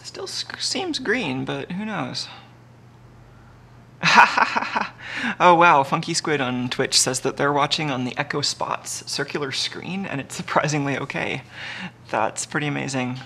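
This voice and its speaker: Male streamer, casual workshop chat, thinks aloud with fillers, bright tone. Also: a little high, expressive, normal speed, vocal fry, slight background noise. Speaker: live streamer building an electronics kit. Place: home workshop.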